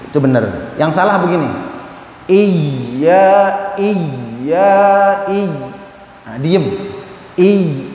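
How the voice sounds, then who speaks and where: A man teaching a group of men to recite, chanting verses slowly and then correcting their pronunciation in quick, everyday speech. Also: on the high side, expressive, darkish tone. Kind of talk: tajwid lesson to a group of men. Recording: echoey hall with faint room noise.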